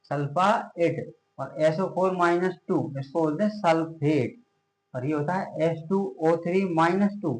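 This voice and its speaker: A man teaching a science lesson at a board, asking questions and answering them himself, drawing out the key words slowly. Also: a little high, a little mellow, slight background noise. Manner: repeats question-and-answer drills, slows on key terms. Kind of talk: classroom chemistry lecture at a board. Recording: echoey room.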